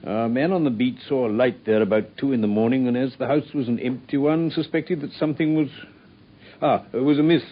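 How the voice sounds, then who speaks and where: A man's voice: mid-range voice, brisk, natural voice. An actor playing a polite, earnest male doctor in a radio drama, with a courteous, somewhat hesitant way of talking. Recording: dull old radio broadcast.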